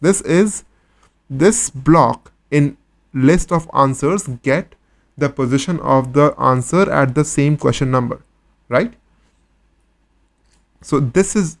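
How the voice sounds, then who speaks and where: A man teaching a step-by-step coding tutorial, patiently posing questions and then answering them himself. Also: on the high side. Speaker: coding instructor. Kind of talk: screen-recorded coding tutorial.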